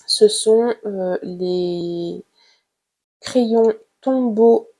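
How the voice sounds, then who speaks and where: A woman casually showing her drawing supplies in a vlog, talking gently and hesitantly with many fillers. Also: medium pitch. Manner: hesitant, with frequent "euh" fillers; unhurried and gentle. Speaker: art vlogger. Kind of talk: casual show-and-tell about drawing supplies.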